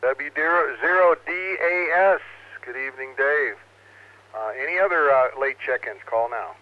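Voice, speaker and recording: A man's voice: on the high side, unhurried, slight background noise. A man casually hosting an amateur radio net as its controller, heard over radio. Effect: two-way radio. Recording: dull, lo-fi radio audio.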